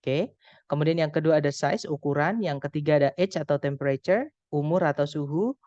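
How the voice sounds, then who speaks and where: A young Indonesian man tutoring an online English grammar class, explaining slowly and patiently with many examples. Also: a little high, darkish tone, no room sound. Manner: patient, explains slowly, often addresses students as friends. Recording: dull dry call audio.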